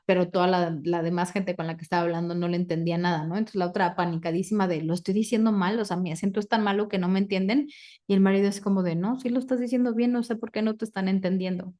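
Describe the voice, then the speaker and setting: A woman, coaching a live group, asking the audience questions and reciting clearing phrases. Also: on the low side, darkish tone. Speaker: facilitator.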